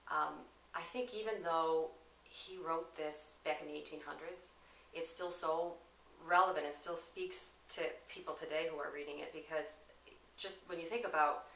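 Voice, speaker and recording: A low-pitched woman with a gravelly edge and a bright, forward tone talks earnestly about a poem she loves. She speaks thoughtfully and deliberately. She is recorded from a distance in an echoey room with faint hiss. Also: steady tone. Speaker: student's aunt reading a favorite poem. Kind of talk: poetry reading then casual reflection.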